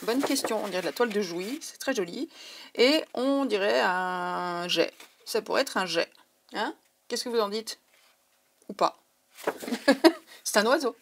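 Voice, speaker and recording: A woman's voice: mid-range voice, lively intonation, normal speed, pauses often, slight background noise. A woman with a French accent, chatting casually to her viewers in a craft haul video, digressing often. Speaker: craft vlogger.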